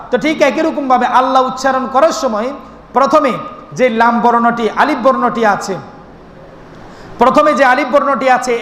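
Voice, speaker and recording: A man with a very high, fairly bright voice preaches a waz sermon as an Islamic preacher, rhythmic and repetitive, asking the crowd questions and at times chanting and singing the name of God. The amplified sound echoes through a long reverberant space, with slight background noise.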